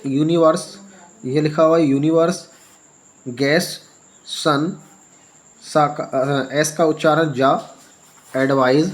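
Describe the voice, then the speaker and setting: A male English teacher who spells words letter by letter and reads them out slowly for learners, often repeating himself and asking rhetorical questions. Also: on the high side, rough recording.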